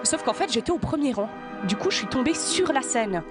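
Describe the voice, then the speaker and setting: Casting: female comic storyteller, high voice, sarcastic and theatrical with crude exasperated outbursts, music underneath. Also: animated, brisk. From Switzerland. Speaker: radio comedy columnist.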